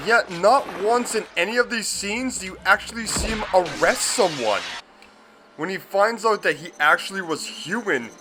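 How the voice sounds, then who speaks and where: High bright-voiced dude ranting about a movie, cussing a lot, swoops all over the place. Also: male voice, background noise. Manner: profane, excitable and gushing. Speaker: movie reviewer. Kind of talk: comedic movie review.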